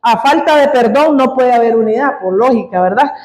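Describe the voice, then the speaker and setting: A woman's voice: a little high, fairly quick, a little mellow, roomy sound, poor audio. A woman preacher giving a sermon in an easygoing, conversational teaching manner, often checking in with the congregation. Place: church hall.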